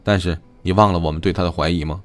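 A man voicing a sharp, probing young woman in an audiobook, questioning pointedly. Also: low-pitched, fairly even intonation, quick pace, faint music behind, lightly acted.

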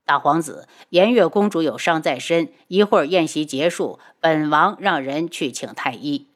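A man's voice: on the high side, normal speed, fairly bright tone, voice pushed down, close to an everyday voice. A woman doing a cold, scornful young prince. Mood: formal. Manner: cold, clipped, contemptuous.

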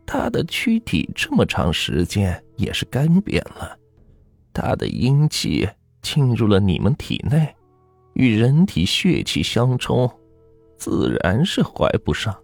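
A man voicing a stern, sorrowful old village grandmother, talking slowly and gravely in a husky voice. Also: lowish voice, huge pitch swings, dry recording, faint music behind, pitched above the performer's own voice, heavily acted. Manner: slow, heavy, grave speech.

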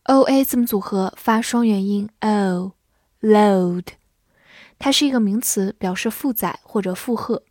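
A woman teaching English vocabulary, spelling out words letter by letter and reading example sentences slowly. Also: mid-range voice, darkish tone, no echo, studio quality. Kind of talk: vocabulary lesson.

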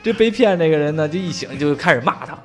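A man's voice: a little high, lively intonation, quick pace, faint music behind. A man telling a story in casual chat, swearing freely and laughing along.

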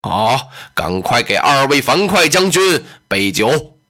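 A storyteller voicing a smug, powerful male warlord chancellor in traditional storytelling, with a deep, drawn-out, stately delivery. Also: very animated, bright, forceful tone, heavily acted. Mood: grandly reassuring. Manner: slow, measured, grandly courteous.

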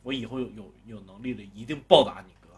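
A man's voice: fairly low pitch, fast, darkish tone, breathy edge. A man voicing a coarse, swearing young gangster on the run. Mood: pleading, grateful. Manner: crude, swearing.

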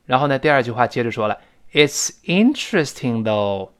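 A man's voice: medium pitch, expressive, moderate pace, a bit bright, clear, resonant tone. A man teaching a spoken English lesson, explaining in Chinese, reading English example sentences and spelling words out letter by letter.

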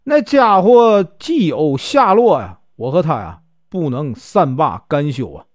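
A man's voice: fairly high pitch, sing-song, a little slow, dry recording, clean studio sound. A man voicing stern officer Zhu Tong. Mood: indignant. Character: Zhu Tong, proud upright male army officer.

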